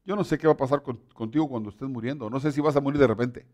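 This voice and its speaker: A man's voice: medium pitch, very fast, darkish tone. A male preacher giving an emphatic sermon who often repeats words and restarts his sentences.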